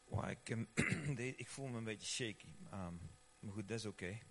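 A man preaching and leading worship in a soft, prayerful, reverent way, slipping English phrases into his talk. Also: lowish voice, moderate pace, creaky, slight background noise.

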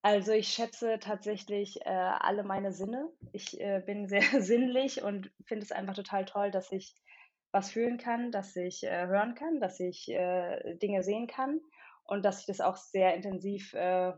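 Woman from Berlin, podcast guest; thoughtful, halting delivery full of fillers, muffled lo-fi recording. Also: mid-range voice, steady tone, a little mellow. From Berlin, Germany. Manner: thoughtful, hesitant, many filler pauses. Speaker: podcast guest, company founder. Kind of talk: casual interview chat.

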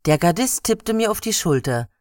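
A man's voice: sits high, big pitch swings, normal speed, no echo, studio quality. Man narrating a comic story. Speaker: excerpt reader. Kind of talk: first-person audiobook narration.

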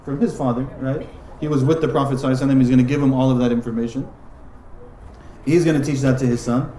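A man delivers a religious lesson in an easygoing, conversational tone, leaning on frequent asides to the room. His voice sits at a middle pitch with a mellow, darker color. The sound carries a noticeable echo from the space around him. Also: fairly even intonation, very fast, slight background noise. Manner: conversational, many "like" and "right?" asides. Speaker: religious teacher. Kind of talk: casual religious lecture. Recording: roomy echoing room.

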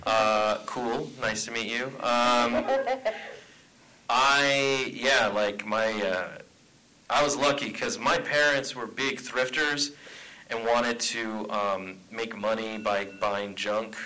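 A man's voice: mid-range voice, steady tone, slow, pushed and bright, low-quality recording. A man from Arizona, a comic writer, talking and joking as a guest on a convention panel. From Tucson, Arizona. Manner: chatty, joking, laughs often.

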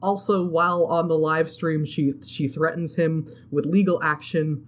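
A woman's voice: deep voice, fairly even intonation, unhurried. A woman in casual chat, recapping a video game's story with a co-host, swearing freely and acting out characters' lines. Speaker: podcast co-host recapping a game.

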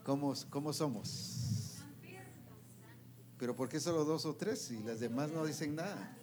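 A man preaching a sermon who reads scripture slowly and keeps asking the audience questions. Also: a little high, background noise. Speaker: preacher at a women's discipleship meeting. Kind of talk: sermon with Bible reading.

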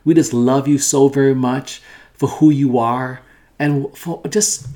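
Man co-host leading fervent prayer, mellow warm tone. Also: mid-range voice, fairly even intonation, measured pace. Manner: fervent, repeating "God" and "Lord". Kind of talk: prayer and preaching.

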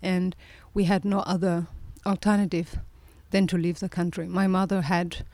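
A woman in her forties from Somalia, a guest on an interview podcast, telling her life story in a reflective way, often restarting her sentences and laughing softly. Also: fairly low pitch, little pitch movement, moderate pace, dry recording. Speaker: guest, presidential candidate.

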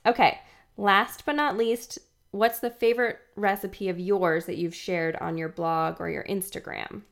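A woman podcast host speaks with a heavy gravelly creak, as if her throat is swollen. She sounds groggy and froggy from a sore throat, yet keeps a warm, chatty hosting style. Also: medium pitch, steady tone, unhurried.

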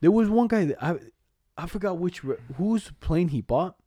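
A young man with a mellow, relaxed voice chats like a podcast co-host. He tells stories casually with plenty of slang and swearing, animated in his phrasing. The sound is dry. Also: sits high, moderate pace, dry recording. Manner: slangy, profane, animated storytelling. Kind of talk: casual banter.

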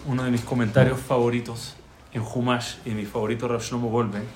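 A man's voice: medium pitch, a little fast. A man teaching Torah in conversation, telling stories and asking rhetorical questions. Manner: animated storyteller, asks rhetorical questions. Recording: echoey room with faint background noise.

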